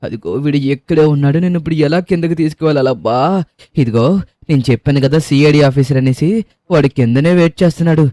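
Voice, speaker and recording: A man hosting and voicing his own game story video in a lively, fast way. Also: fairly high pitch, no echo, studio quality. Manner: lively, talks fast to the viewers and the characters. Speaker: host and narrator. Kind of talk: gameplay story voice-over.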